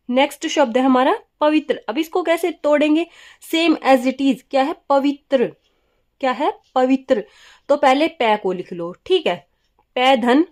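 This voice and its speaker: A woman's voice: sits high, a little mellow. A woman teaching a grammar class. She asks her students questions, answers them herself, and repeats the key words, with English words mixed into her talk. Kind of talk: classroom lesson.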